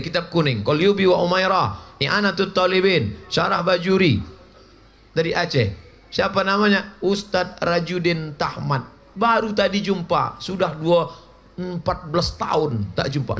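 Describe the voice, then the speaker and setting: Preach it like a man in his forties working a live crowd: playful storytelling, a slightly high voice, quick asides and questions tossed straight to the audience. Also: creaky, a bit bright. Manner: joking, storytelling, addresses audience directly. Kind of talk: humorous religious lecture. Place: lecture before a live audience.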